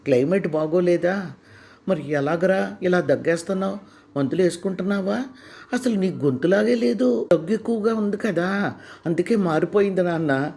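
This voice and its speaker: A man's voice: high voice, normal speed, vocal fry, a little mellow, pitched above the performer's own voice. A man voicing a worried, doting elderly mother who fusses and pleads. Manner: fussing, pleading.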